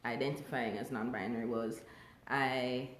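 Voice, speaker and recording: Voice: medium pitch, moderate pace. A Jamaican singer talking candidly and casually as an interview guest. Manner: relaxed, candid, lively. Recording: echoey room.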